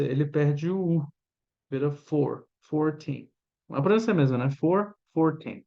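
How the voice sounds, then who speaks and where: A Brazilian man in his thirties with a Brazilian Portuguese accent, an English teacher giving a chatty lesson and drilling pronunciation with slow repeats. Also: a little high, darkish tone, dull audio. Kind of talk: informal language lesson.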